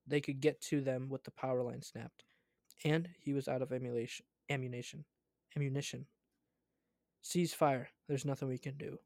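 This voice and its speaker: Guy reading a story out loud, trips on words and fixes them, dry sound. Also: mid-range voice, no echo. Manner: stumbles and corrects himself while reading.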